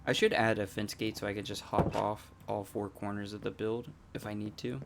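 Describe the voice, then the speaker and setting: Raspy low-voiced man narrating gameplay. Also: level tone, fairly quick, noisy background. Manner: thinks aloud, mild self-corrections. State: allergy-hoarse. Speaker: gameplay channel host. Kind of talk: casual gameplay commentary. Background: loud music.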